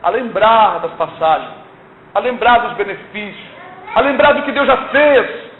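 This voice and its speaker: This older man's high voice moves unhurriedly through a heartfelt, exhorting testimony in church, sermon-style, peppered with "não é?". The sound is thin and lo-fi, captured in a room full of echo with a faint hiss.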